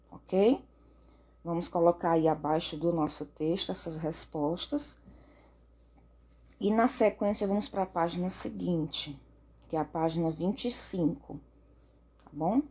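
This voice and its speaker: Slow, patient woman teaching. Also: medium pitch, dark tone, breathy edge. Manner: patient, checks in with "ok?" and "certo?", drawn-out words. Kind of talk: slow recorded lesson for children.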